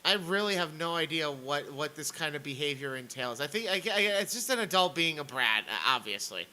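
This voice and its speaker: A man's voice: fairly high pitch, lively intonation, brisk, sharp tone, rough recording. A man streaming a ranting commentary, reading posts aloud in a sarcastic, mocking way.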